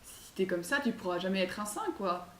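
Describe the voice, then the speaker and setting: A woman voicing a worried older abbot who gently lectures and reassures, with many hesitant fillers. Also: mid-range voice, sing-song, brisk, close to an everyday voice. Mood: fatherly. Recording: echoey room, far mic, faint hiss.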